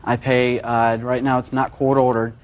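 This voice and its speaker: A man gives courtroom testimony in a monotone. He is hesitant and deferential to the judge, with slight noise in the background. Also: medium pitch, moderate pace. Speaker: litigant answering a judge.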